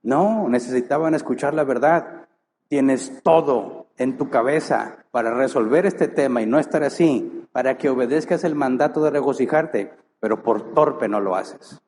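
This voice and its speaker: A man's voice: medium pitch, moderate pace, darkish tone. A man preaching a sermon as pastor, emphatic, full of rhetorical questions. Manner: rhetorical questions, emphatic, acts out short quoted lines. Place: church hall. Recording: long hall reverb.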